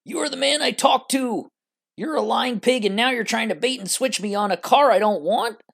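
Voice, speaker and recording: A narrator voicing a furious male customer who shouts his accusations. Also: mid-range voice, moderate pace, breathy edge, pitched above the performer's own voice.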